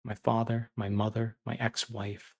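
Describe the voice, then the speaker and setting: Man reading as a creaky, callous castaway diarist. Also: fairly low pitch, level tone, a little slow. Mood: hungry, weary. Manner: callous, self-justifying, confessional. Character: starving, bitter disgraced surgeon stranded on an island, writing a diary.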